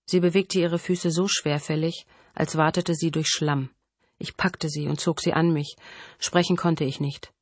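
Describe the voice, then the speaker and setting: A woman reading a first-person thriller audiobook in a measured, suspenseful way on a close studio mic. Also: on the low side, dry recording. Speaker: audiobook narrator.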